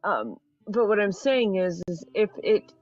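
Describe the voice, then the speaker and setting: A woman's voice: mid-range voice, sing-song, unhurried, a little mellow. A woman in a casual debate, explaining her point step by step and checking that the listener follows. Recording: dull, dry audio, music behind.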